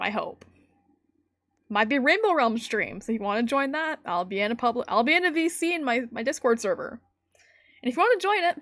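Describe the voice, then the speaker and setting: A fairly high-pitched woman chats casually on her stream, rambling and breaking into giggles. Her voice is close to the mic and dry. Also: fairly bright tone, no room sound. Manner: giggly, rambling, laughs often. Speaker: streamer host. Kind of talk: casual chat.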